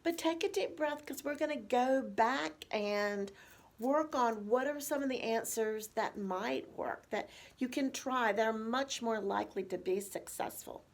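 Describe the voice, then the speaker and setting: A nurse speaks to caregivers in a fairly high, conversational voice. She walks through examples and poses rhetorical questions as she teaches. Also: measured pace. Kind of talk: instructional talk to caregivers.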